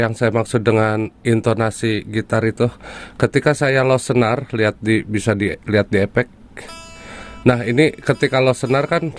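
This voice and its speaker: A man casually explaining a guitar topic to viewers, with frequent fillers and a conversational, hands-on manner. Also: mid-range voice. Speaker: guitar tutor.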